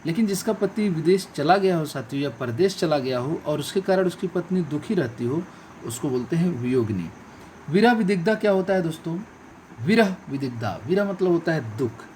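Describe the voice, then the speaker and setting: Guy teaching an exam prep class, slightly high voice, says the right answer twice, faint hiss behind. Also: animated, normal speed, mellow. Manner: repeats each correct answer, stressing key words; addresses viewers as friends and companions. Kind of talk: online exam-prep lesson.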